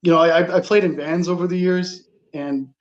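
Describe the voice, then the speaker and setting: A man telling his story as an interview guest in a casual, halting, rambling way. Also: high voice, fairly even intonation. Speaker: interview guest, travel blogger. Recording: slightly dull, lo-fi sound.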